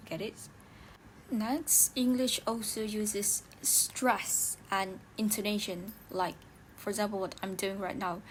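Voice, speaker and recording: A woman's voice: mid-range voice, a little hiss or hum, rough recording. Young woman explaining, casual filler-heavy talk. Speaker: student presenter. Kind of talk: recorded class presentation.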